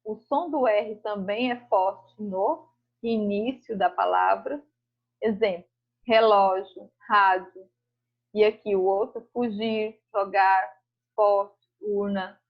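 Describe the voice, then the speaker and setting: A woman teacher, going over school exercises in a recorded lesson, reading each task aloud and explaining it patiently. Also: medium pitch. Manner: reads tasks aloud, then explains slowly and patiently. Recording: muffled home recording.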